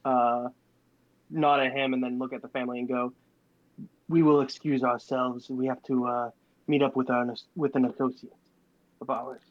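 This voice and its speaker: A man's voice: mid-range voice, flat delivery, moderate pace, long pauses, narrow, tinny audio. A man playing a tabletop game, talking eagerly, stumbling over words and laughing often. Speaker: player. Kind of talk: casual chat at a tabletop game.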